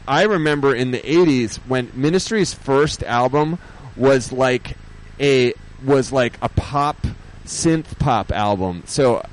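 A man hosting a radio show as DJ, chatting casually off the cuff in a halting, rambling way, thinking aloud. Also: medium pitch, low-quality recording. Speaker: radio host and DJ.

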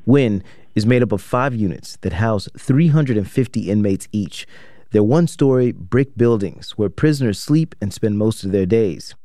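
A man's voice: lowish voice, lively intonation, normal speed, dark tone, dry recording, studio quality. A man hosting an investigative radio program, reading scripted documentary narration.

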